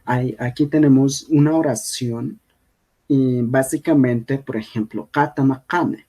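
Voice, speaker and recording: A man whose native language is Kogui gives a language lesson over slides, his mid-range voice mellow and unhurried. He keeps checking in with the listener, often asking "¿sí?".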